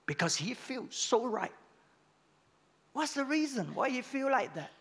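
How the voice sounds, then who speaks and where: A male pastor preaching a sermon, swinging from loud emphatic lines to quiet, low asides. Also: big pitch swings, measured pace, breathy edge.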